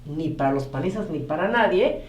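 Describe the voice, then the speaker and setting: Woman running a political panel, measured, mic a bit far off, echoey room. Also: fairly low pitch, expressive, a little mellow. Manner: measured, steering the talk, frequent backchannel. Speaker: moderator.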